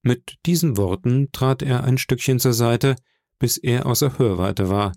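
A man narrates an audiobook in a calm, measured way. His voice has a gravelly edge, recorded dry and close. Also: medium pitch, no echo. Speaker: audiobook reader. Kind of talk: audiobook reading.

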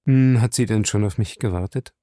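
A man's voice: fairly low pitch, fairly quick, warm tone, no echo, clean studio sound, natural voice. A man reading an audiobook voices an impatient former soldier turned police captain who speaks in a clipped way. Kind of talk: audiobook character voice.

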